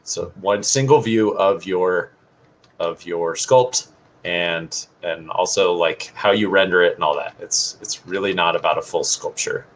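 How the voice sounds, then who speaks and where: Deep-voiced man in relaxed chat. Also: unhurried, poor audio. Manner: relaxed, rambling, many fillers. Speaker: podcast co-host. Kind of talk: casual chat. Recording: faint background noise.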